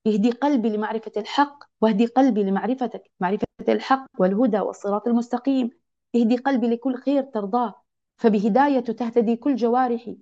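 A woman with a warm, fairly high voice speaks fast while teaching a religious lesson to other women. Earnest and exhorting, she repeats key phrases, and the recording is dull and lo-fi.

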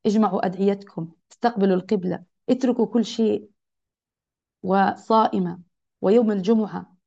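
A woman's voice: medium pitch, vocal fry, dark tone. A woman teaching a religious lesson to other women, earnest and exhorting, repeating key phrases. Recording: dull lo-fi recording.

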